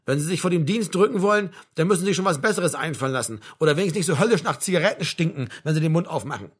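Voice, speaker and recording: A man voicing a blunt, mocking old male doctor with a gruff, brusque manner. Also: a little high, expressive, racing. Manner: gruff, brusque, with a bleating laugh.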